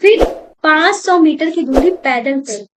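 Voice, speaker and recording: A woman with a high, clear voice teaches a maths lesson step by step. She repeats each point and poses questions that she then answers herself, in a patient classroom manner. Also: expressive, a little slow, heavy background noise. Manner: patient, repetitive, asks and answers own questions.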